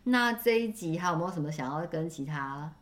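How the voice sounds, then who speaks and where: A woman's voice: lowish voice, animated, brisk, a crowd in the background. A woman in her forties from Taiwan, hosting a parenting podcast as a casual chat and dropping English words into her talk. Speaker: podcast host.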